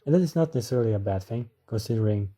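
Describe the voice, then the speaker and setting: A man's voice: medium pitch, lively intonation, racing, warm tone. A man narrating a scripted review as an anime reviewer.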